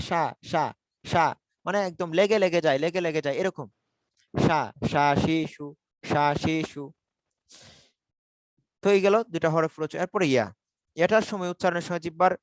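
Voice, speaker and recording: A man with a slightly high voice teaches tajweed pronunciation. He stops to drill each syllable over and over, slowly and patiently, so learners can follow. He is recorded close, with a dry sound and no room echo. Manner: repeats syllables slowly for students to copy. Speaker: Quran recitation teacher.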